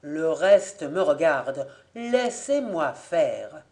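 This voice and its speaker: A woman's voice: low voice, big pitch swings, extremely slow, a little mellow, full character voice. A woman reading an audiobook, voicing a hot-headed young Parisian apprentice who exclaims and speaks in streetwise terms. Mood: determined.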